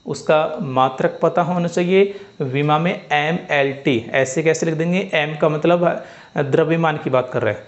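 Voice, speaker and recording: A man's voice: a little high, muffled recording. A man teaching a physics lesson, who keeps going over the steps again and keeps asking his students whether they have understood. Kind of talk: classroom-style lesson.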